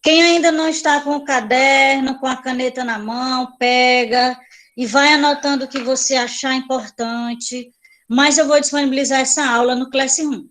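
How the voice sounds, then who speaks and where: High-voiced woman teaching an online class. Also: fairly even intonation, normal speed, a bit bright. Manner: repeats and rephrases points, checks in with "tá certo?".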